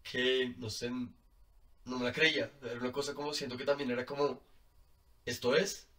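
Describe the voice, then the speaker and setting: Colombian male guest, mid-pitched, chatty and animated, laughs a lot, slightly distant mic. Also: normal speed. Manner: animated, laughs often, fills with "como". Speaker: podcast guest. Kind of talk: casual storytelling.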